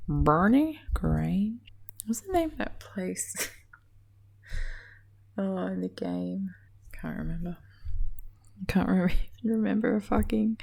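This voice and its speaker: A woman's voice: lowish voice, vocal fry. An Australian woman giving casual gameplay commentary, muttering dryly to herself, swearing under her breath and often dropping into a whisper. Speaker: game commentator.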